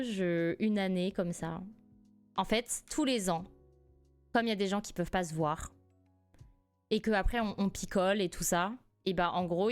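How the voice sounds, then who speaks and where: Young woman streamer, animated storyteller, faint music underneath. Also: fairly low pitch, clean tone. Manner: animated, laughs often, rises sharply when indignant. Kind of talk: casual live-stream storytelling.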